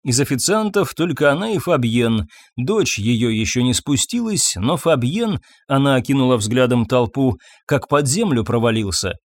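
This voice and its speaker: A man narrating a dark story as a scripted audiobook, dramatic and expressive, recorded close on a studio mic. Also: medium pitch, normal speed, hardly any pauses, no echo.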